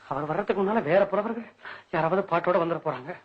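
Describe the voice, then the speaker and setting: A man's voice: high voice, quick pace, muffled recording, lightly acted. A man playing a poor, panicky male poet in a comic scene reenactment, whining and wailing. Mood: fretful.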